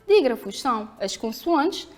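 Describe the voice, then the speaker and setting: A woman teacher with a European Portuguese accent, giving a televised school lesson, speaking clearly and patiently, asking the pupils questions and answering them herself. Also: fairly high pitch, sing-song, a little slow.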